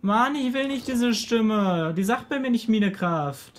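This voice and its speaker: A man's voice: high voice, lively intonation, measured pace. A young man chatting casually with a friend as he plays a game, in a blunt, slangy way. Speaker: let's play gamer. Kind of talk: casual gameplay chat with a friend. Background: game music.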